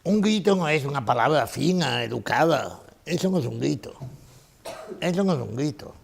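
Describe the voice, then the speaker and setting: A man's voice: on the high side, expressive, normal speed, vocal fry. A man giving a conference lecture, emphatic, repeating his key phrases and asking rhetorical questions.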